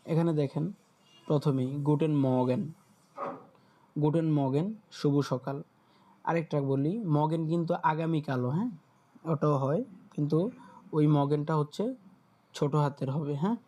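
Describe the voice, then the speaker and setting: A man's voice: fairly high pitch, measured pace, long pauses, warm tone. A man teaching a beginners' language class on a video call, patiently spelling out sounds and checking in with his students. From Bangladesh. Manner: patient, repeats words and checks in with listeners. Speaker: German teacher. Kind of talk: online class lesson.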